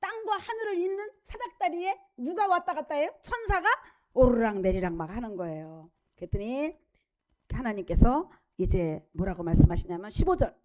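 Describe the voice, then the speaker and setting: A middle-aged woman pastor giving a sermon, telling a story with lively quoted voices and questions to the congregation. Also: a little high, normal speed.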